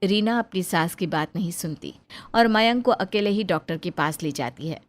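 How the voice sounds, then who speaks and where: A woman giving scripted storybook narration for a cartoon, plain and even, speaking to viewers. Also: on the low side, moderate pace, faint music behind.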